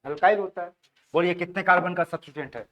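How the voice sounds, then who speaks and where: A man, his voice sitting a little high, drills a classroom through questions. He repeats each answer back and coaxes the students onward in a patient teaching manner. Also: racing, a bit bright. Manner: coaxing, repeats answers, calls students beta. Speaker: chemistry teacher.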